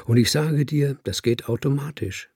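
A man reading a story aloud in a calm, reflective storytelling manner. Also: mid-range voice, moderate pace, gravelly, husky, no echo, clean studio sound. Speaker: narrator. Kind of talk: audiobook narration.

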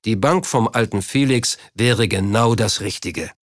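A man voicing a gruff male crook with a rumbling voice, slow, coarse and threatening. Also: no room sound, clean studio sound, close to an everyday voice. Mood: menacing. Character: gruff male London crook, menacing and blunt.

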